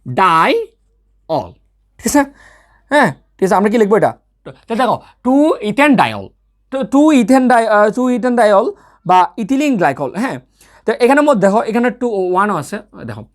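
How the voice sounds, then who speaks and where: A young man tutoring chemistry in a recorded online lecture, his pitch rising and falling with a lively swing. He keeps checking in with his students and answering his own questions. He slips English terms into his talk. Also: fairly quick, long pauses.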